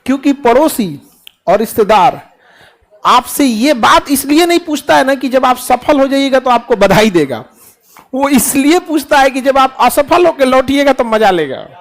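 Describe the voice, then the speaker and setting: A man gives a lively motivational speech to his students. His manner is folksy and full of jokes. He often asks the class a question and answers it himself. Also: very high voice, moderate pace. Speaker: teacher giving a motivational talk.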